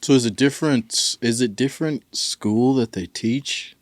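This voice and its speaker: A man co-hosting a podcast, throwing in jokes and quick interjections. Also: mid-range voice, no echo, studio quality. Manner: joking, lively interjections. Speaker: podcast co-host. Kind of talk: casual interview chat.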